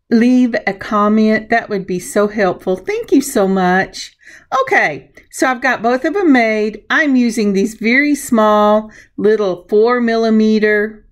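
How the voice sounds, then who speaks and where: A woman hosting a craft tutorial in a gravelly voice at a medium pitch. She talks slowly and casually, chatting as she explains each step of what her hands are doing. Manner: chatty, unhurried, self-narrating.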